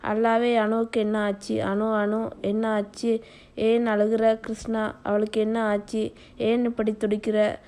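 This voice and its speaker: Brief: a woman doing a shy, soft-spoken young bride, low-key even delivery. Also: slow pace. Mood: frantic. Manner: soft, tender, turns frantic when scared.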